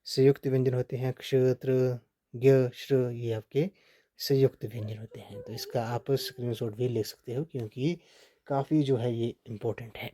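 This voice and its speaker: A man teaching a Hindi grammar lesson for exam preparation, steady and repetitive, often checking in with "ठीक है". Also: mid-range voice, normal speed. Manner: steady, repeats points with frequent "ठीक है" checks.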